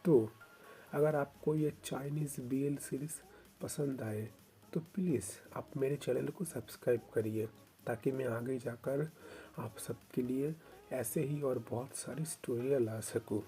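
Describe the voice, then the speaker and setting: A man's voice: mid-range voice, measured pace, dark tone, faint music behind. A man narrating a fan fiction story in a casual, plain way.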